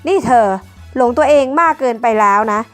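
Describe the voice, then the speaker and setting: A blunt, tomboyish young woman in an audio drama, voiced by a woman reader, who keeps standing her ground. The voice is high, with faint music behind it. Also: brisk, natural voice. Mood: defensive. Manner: blunt and defensive.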